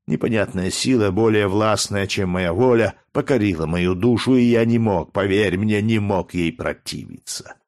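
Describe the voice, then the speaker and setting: A man's voice: low voice, animated, slow, no echo, clean studio sound. A man reading aloud, voicing a young gladiator who pours out his love in a breathless, impassioned rush. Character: young male gladiator, lovesick and desperate.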